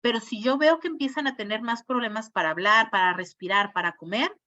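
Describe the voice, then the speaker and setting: A woman's voice: a little high, fairly quick, sharp tone. A woman, a speech therapist giving an informal talk, explaining step by step and checking in with her listeners. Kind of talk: informal online lecture. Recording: muffled lo-fi audio.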